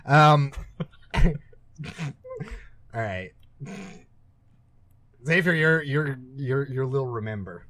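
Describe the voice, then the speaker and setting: A man's voice: medium pitch, lively intonation, very slow, long pauses, a bit bright, dry recording. A young man co-hosting a podcast in casual chat, joking around with frequent restarts. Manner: jokey, hesitant restarts. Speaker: podcast co-host.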